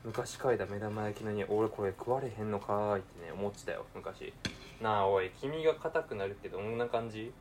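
Excitable young Kansai man, low voice. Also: brisk, a little hiss or hum. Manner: talks to himself, alternating mumbling with excited outbursts. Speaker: podcaster. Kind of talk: casual solo talk while cooking.

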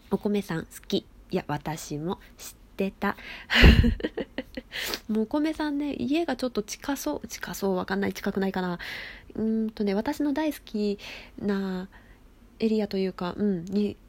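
Giggly, excitable woman chatting solo. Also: medium pitch, measured pace. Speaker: solo talk show host. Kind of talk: casual solo talk. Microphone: phone app recording.

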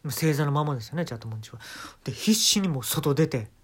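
A man's voice: fairly high pitch, fast talker, slightly rough. Man spinning a comic tale in Kansai dialect. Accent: Kansai Japanese. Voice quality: animated, acts out sounds and quoted lines. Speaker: storyteller. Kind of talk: comic storytelling monologue.

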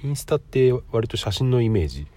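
A man's voice: mid-range voice, sing-song, a little fast, warm tone, dry recording. A middle-aged man with a nasal, congested voice from a cold, hosting a casual solo podcast in a polite, explanatory way. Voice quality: nasal, stuffy voice. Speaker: podcast host. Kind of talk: casual solo monologue with frequent filler pauses.

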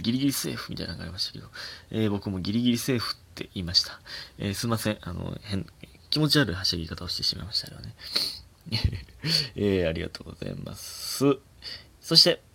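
A man with a Kansai accent hosting a casual solo comedy podcast, reading listener mail, chuckling often and getting animated when he rants. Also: lowish voice, creaky.

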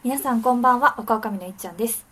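A woman's voice: on the high side, racing, a bit bright. A woman from Wakayama with a Kansai accent, hosting a casual, comic radio chat. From Wakayama, Japan. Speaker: radio host as apprentice restaurant proprietress.

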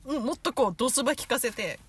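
A woman's voice: a little high, lively intonation, quick pace. Playful young woman, noisy line. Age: young adult. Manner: playful, shows off the rough dialect, chuckling. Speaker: podcast co-host. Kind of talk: casual chat among friends. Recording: background noise.

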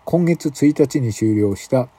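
A man's voice: medium pitch, lively intonation, moderate pace, heavy background noise. A man hosting a comic talk show, reading mock news and feigning outrage. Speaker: radio talk host.

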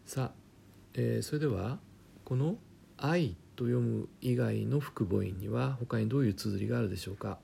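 A man teaching German pronunciation in a chatty, joking way, often dropping to a quiet aside. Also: medium pitch, normal speed, creaky, slight background noise. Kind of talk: casual spoken lesson with jokes.

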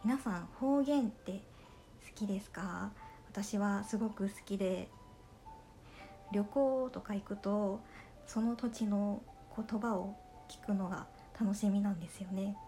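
A woman from Okayama with a Kansai accent, hosting a casual solo podcast and chatting gently and politely to her listeners. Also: medium pitch, slow pace, faint music behind. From Okayama, Japan. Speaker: podcast host reading listener letters.

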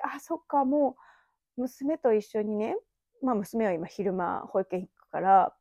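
This solo podcast comes from a woman in her thirties at home in an empty house, using a phone app mic. She reminisces chattily and loosely, with small laughs. Her voice is warm and on the high side, with no echo.

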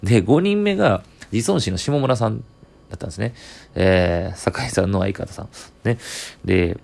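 A young comedian with a Kansai accent hosts his solo talk show, recorded close on the mic. His voice sits low and gravelly. He tells the story with animated energy and acts out each person's lines. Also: moderate pace. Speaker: comedian podcast host.

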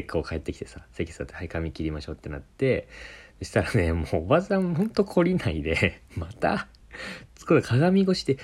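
A man's voice: sits low, husky. A man telling a funny story in a casual monologue, laughing often and imitating the people he quotes. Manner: animated, laughing often, quoting people with put-on voices.

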